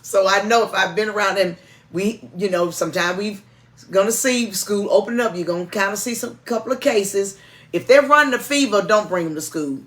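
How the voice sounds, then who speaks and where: A woman's voice: mid-range voice, moderate pace, a bit bright. Middle-aged woman, church music director co-hosting; homespun, cautioning, conversational delivery. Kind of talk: informal announcements and chat.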